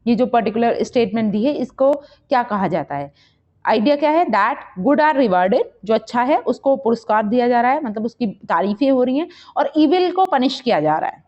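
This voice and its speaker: A woman teacher running a quiz lesson, reading questions slowly and explaining quickly. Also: on the high side, lively intonation, darkish tone, dull audio. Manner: reads questions slowly, explains quickly in Hindi-English mix. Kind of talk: exam-prep quiz lesson.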